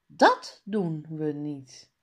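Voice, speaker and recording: A woman reading aloud, voicing a calm female schoolteacher who asks questions and gently corrects. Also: low voice, very slow, voice pushed down, exaggerated voice. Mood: patient.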